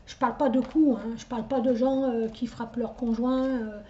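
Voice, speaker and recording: A middle-aged woman talks directly to her viewers as a psychic medium, her fairly high voice soft and mellow. She rambles and hesitates, restarting her words again and again. The recording sounds dull and lo-fi. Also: fairly even intonation, moderate pace. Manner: talks directly to the listener, chatty and insistent. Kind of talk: casual spoken reading to viewers.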